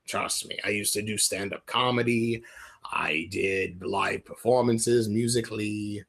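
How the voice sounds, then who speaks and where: A man's voice: lowish voice, unhurried, vocal fry, fairly bright tone, husky. A man from Ohio rambling jokily through a casual livestream in a put-on British-sounding accent. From Ohio, USA. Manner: rambling, self-deprecating, jokey. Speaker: livestream host. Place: dim room at home.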